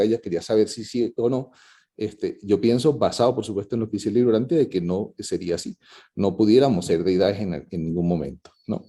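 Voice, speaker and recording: A man commenting during an online talk, explaining slowly and thoughtfully with many fillers and restarts over a video call. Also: medium pitch, warm tone. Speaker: conference participant. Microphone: video call microphone.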